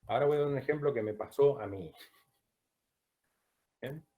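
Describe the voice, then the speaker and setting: A man from Latin America teaching a Chinese pronunciation class, who drills sounds slowly and checks in with "¿bien?" after each point. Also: medium pitch, narrow, tinny audio. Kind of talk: online class lecture.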